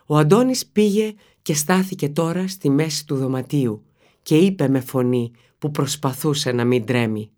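A narrator reading a children's novel aloud in an expressive storytelling manner. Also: medium pitch. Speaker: audiobook narrator.

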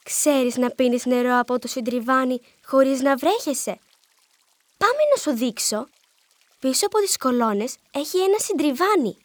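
A woman voicing a lively, chattering little girl in a storybook reading. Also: high voice, no echo, voice pushed up, lightly acted. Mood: coaxing. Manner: bossy, chattering.

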